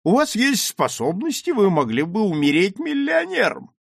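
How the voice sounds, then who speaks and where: A blustering old admiral lectures a young man in high, emphatic bursts, as a male audiobook narrator puts him on. The voice is husky and swoops widely in pitch. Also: wildly swooping pitch, normal speed, dry recording, studio quality, full character voice. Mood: lecturing.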